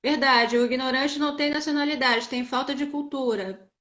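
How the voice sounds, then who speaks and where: A woman's voice: high voice, moderate pace, a bit bright, highs cut off. A Brazilian woman speaking as a guest in a casual live chat, reflective and explaining at length. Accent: Brazilian Portuguese. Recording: echoey room.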